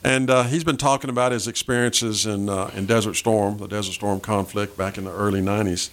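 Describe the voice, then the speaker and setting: A man with a Southern US accent hosting a conversational radio interview, halting and repeating phrases as he goes. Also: on the low side, fairly even intonation, a bit bright.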